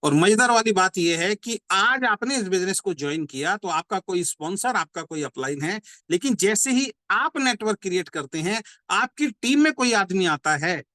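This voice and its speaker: A man giving a motivational business training talk. He explains by repeating points and asking rhetorical questions, and says key slogans slowly. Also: high voice, expressive, pushed and bright, no echo. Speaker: network marketing trainer.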